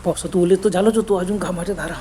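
High-voiced man telling a horror story. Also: steady tone, warm tone, slight background noise. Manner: dramatic, halting retelling with gasped exclamations. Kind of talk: first-person horror story narration.

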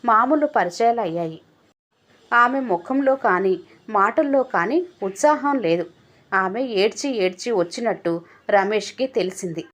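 A woman storyteller reading a scripted audio story aloud in a steady, expressive way. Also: medium pitch, measured pace.

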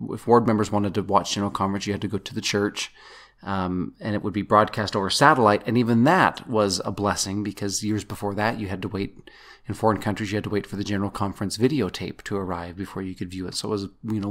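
A man in his thirties co-hosting a casual scripture podcast with his wife, playful and at times putting on a mock radio-announcer voice. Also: fairly low pitch. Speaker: podcast co-host.

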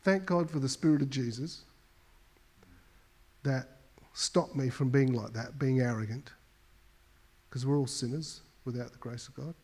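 A man's voice: medium pitch, fairly even intonation, unhurried, pauses often, darkish tone, husky. A male pastor preaching a sermon, telling a story with emphasis and often repeating words as he goes.

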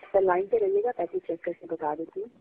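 A woman's voice: very high voice, racing, gravelly, a little hiss or hum. Exasperated call-center woman on a tinny phone line. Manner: polite but increasingly exasperated, keeps saying "sir". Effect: heard over a phone line. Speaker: mobile network customer service agent. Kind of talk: formal customer service call.

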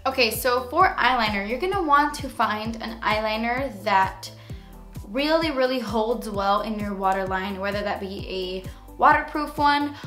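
A woman with a raspy voice today, casually talking through a makeup tutorial in a chatty way full of fillers. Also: on the high side, animated, a little slow, fairly bright tone, echoey room, soft background music. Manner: chatty, filler-heavy, frequent "like". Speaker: beauty vlogger.

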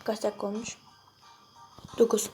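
A young girl chatting excitedly to viewers while she plays a mobile game, reacting loudly to each moment. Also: mid-range voice, normal speed, rough recording. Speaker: gaming video creator. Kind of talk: casual gameplay commentary. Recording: music playing behind the voice.

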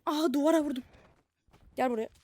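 A young woman from Turkey giving casual, playful commentary on a virtual reality game, taunting the characters in mock-friendly tones with sudden bursts of shouting. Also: high voice, fast. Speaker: gaming streamer.

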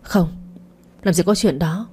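A woman voicing a bitter, spiteful young woman who hurls insults fast. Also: fairly low pitch, dark tone, slight background noise, close to an everyday voice. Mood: furious.

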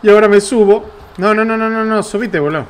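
A man with an Argentine accent giving excitable, profane commentary while playing a wrestling video game. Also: high voice, fast talker, clean tone. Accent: Rioplatense Spanish. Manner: excitable, swearing, taunting the game. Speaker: gameplay streamer. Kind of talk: casual gameplay commentary.

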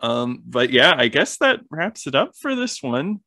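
A man's voice: mid-range voice, big pitch swings, measured pace, vocal fry, bright, forceful tone, no echo, clean studio sound. A man co-hosting a film podcast in casual chat, laughing often and bantering with his partner. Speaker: podcast co-host.

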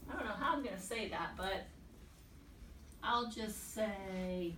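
A woman teacher leading a classroom word-study lesson, encouraging and repeating words slowly and deliberately. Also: mid-range voice, animated, sharp tone, a little hiss or hum. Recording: echoey classroom from far off.

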